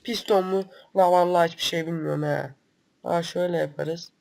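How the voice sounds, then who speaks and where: A man with a cold and a stuffy nose, hosting excitable gameplay commentary, swearing and breaking into loud outbursts. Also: on the high side, fairly quick, creaky. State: sick with a stuffy nose and cough. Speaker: gaming channel host.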